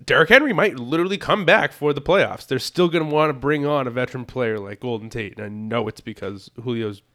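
A man's voice: mid-range voice, fairly quick, a bit bright. A man co-hosting a casual sports podcast, rambling and restarting his sentences as he talks. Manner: rambling, repeats words when starting a thought. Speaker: podcast co-host.

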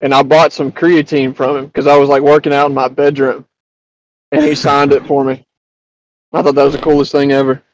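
A man's voice: mid-range voice, level tone, brisk, rough recording. A young man co-hosting a podcast, chatting in an easygoing, matter-of-fact way. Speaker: podcast co-host. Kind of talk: casual chat.

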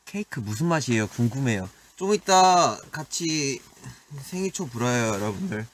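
A man hosting a live stream in a soft, laid-back voice, casually answering viewer comments. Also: mid-range voice, expressive, moderate pace. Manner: soft-spoken, laid-back, often laughing.

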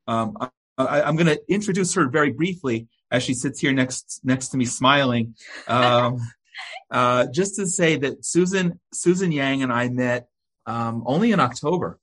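Husky-voiced man hosting an interview. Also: mid-range voice, animated. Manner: warm, halting, with many ums and repeated words. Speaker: host. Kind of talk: hosted interview.

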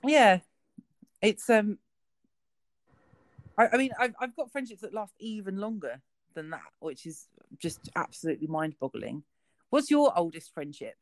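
A woman's voice: medium pitch, lively intonation, measured pace, long pauses, no room sound. A woman in her late thirties with a southern English accent, co-hosting a casual podcast chat and telling rambling anecdotes full of ums. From south of England. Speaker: podcast co-host.

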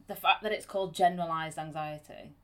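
In a low, steady voice and at a slightly quick pace, a woman co-hosts a casual podcast chat about anxiety. She's chatty, tells stories, and acts out quotes, all in an amateur home recording.

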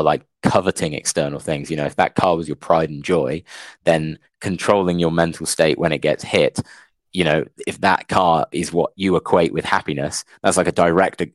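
A young man co-hosting a casual podcast chat, speaking in a calm, reflective way with hesitant fillers. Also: low voice, no room sound. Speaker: podcast co-host.

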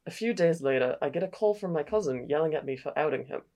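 A woman's voice: sits low, animated, fast talker, warm tone. A woman reading a young man's post aloud in a comic put-on accent, loosely Australian and drifting toward northern English. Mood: earnest retelling. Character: young man telling his story in a put-on accent.

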